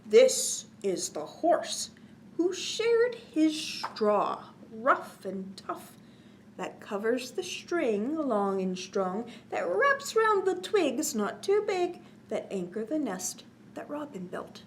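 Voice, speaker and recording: With a high-pitched voice, a woman reads a picture book at a children's story hour, stressing words in a sing-song, expressive way. She pauses to explain and quiz her listeners, over slight background noise.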